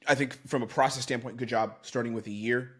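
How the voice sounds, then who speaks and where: A man in his thirties, a sales coach giving commentary on a recorded sales call in a quick, run-on coaching manner. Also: mid-range voice, fairly even intonation, fairly bright tone, husky. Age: 30s.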